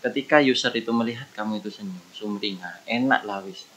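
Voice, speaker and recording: A man's voice: fairly low pitch, a little fast, a bit bright, husky, lo-fi sound. A man gives casual career advice as a podcast guest, earnest and meandering, often restarting his sentences.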